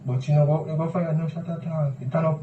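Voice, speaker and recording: A young Jamaican man tells his account haltingly, stumbling over and repeating words. His voice sits fairly high and is picked up from some distance. The recording is dull and roomy with loud background noise. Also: fairly even intonation. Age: young adult. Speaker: eyewitness interviewee. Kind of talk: recounting in Patois-tinged speech.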